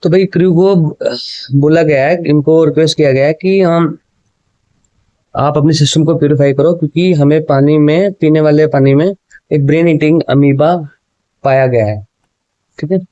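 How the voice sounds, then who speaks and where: A man's voice: a little high, fairly even intonation, dark tone, no echo, lo-fi sound. Man teaching English exam questions in Hindi. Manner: explains in Hindi with English words, often says "ठीक है" and "भाई"; reads exam sentences slowly, word by word.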